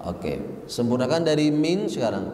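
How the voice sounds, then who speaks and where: A man's voice: mid-range voice, big pitch swings, moderate pace, dark tone. A man teaching Quran recitation, patiently drilling pronunciation and chanting example verses. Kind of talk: Quran memorization lesson. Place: mosque hall. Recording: roomy hall reverb, faint noise.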